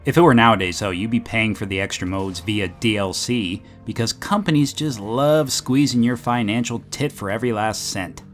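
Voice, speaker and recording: Low-voiced Canadian man, sarcastic. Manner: sarcastic, joking asides. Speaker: video game reviewer. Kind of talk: scripted review narration. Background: background music.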